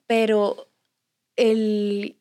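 A woman co-hosting a podcast, telling a personal story in a casual, animated way and acting out the voices in it. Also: mid-range voice, drawn-out words. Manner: animated, acts out voices in her stories. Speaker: podcast co-host.

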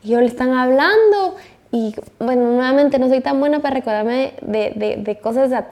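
A woman's voice: high-pitched, moderate pace, highs cut off. A young woman co-hosting a couples' faith talk, telling a story casually and acting out the quoted voices. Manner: animated, acts out quoted dialogue.

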